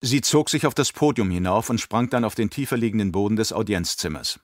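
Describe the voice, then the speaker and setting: A man narrating an audiobook with a measured, even reading. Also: lowish voice, no room sound, studio quality. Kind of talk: scripted narration.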